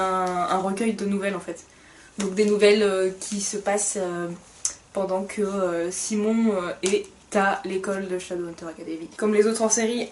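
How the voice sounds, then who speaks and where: A young woman co-hosting a casual book review, hesitant with many fillers and wry asides. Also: mid-range voice.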